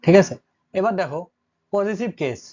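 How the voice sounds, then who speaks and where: A man's voice: sits high, animated, normal speed, darkish tone, lo-fi sound. A man teaching an English grammar lesson, constantly checking with his students through short questions.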